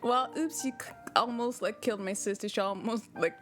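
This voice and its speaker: A young streamer from Quebec with a French Canadian accent chats casually with her livestream viewers, laughing often as she answers their messages. Her voice is fairly high and fairly bright, and she speaks fairly quickly, with background music playing behind her.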